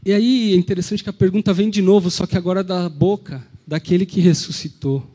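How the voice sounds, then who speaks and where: A man's voice: high voice, fairly even intonation, a little fast, mellow. A man with a Brazilian Portuguese accent, preaching an Easter sermon as a pastor, retelling the story and asking the congregation rhetorical questions.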